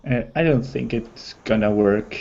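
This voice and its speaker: A man's voice: lowish voice, a little slow, creaky, darkish tone. A man in a casual group video chat who makes dry, matter-of-fact remarks. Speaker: hangout participant. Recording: dull lo-fi call audio with faint noise.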